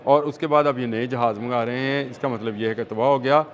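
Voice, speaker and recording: A man's voice: mid-range voice, fairly even intonation, fairly quick. A man with a Pakistani Urdu accent giving emphatic, repetitive news analysis in a studio discussion, with hesitant fillers.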